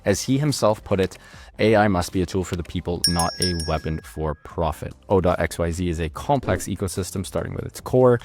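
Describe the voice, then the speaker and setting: Canadian guy hosting a podcast, deep low voice, all hyped up and slangy. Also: lively intonation, fairly quick. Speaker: podcast host. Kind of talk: casual podcast interview.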